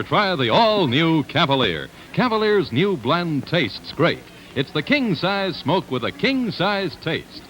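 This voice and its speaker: 1950s TV broadcast announcer, formal. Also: male voice, fairly high pitch, sharp tone, low-quality recording. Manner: smooth, formal announcing delivery. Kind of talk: 1950s TV broadcast announcer reading sponsor copy and credits. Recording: old 1950s TV broadcast with music underneath.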